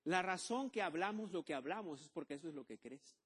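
A male pastor, preaching a sermon with lively call-and-response to the congregation. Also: on the high side, fairly quick, breathy edge.

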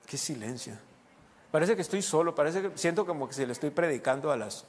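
A man's voice: on the high side, lively intonation, brisk, slight background noise. A man preaching a sermon as pastor, explaining scripture and putting questions to the congregation. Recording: long reverb of a large hall.

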